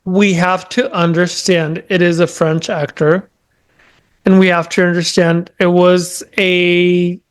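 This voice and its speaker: A woman's voice: on the low side, level tone, takes it slowly. A woman co-hosting a podcast in casual chat, teasing and laughing often. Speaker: podcast co-host.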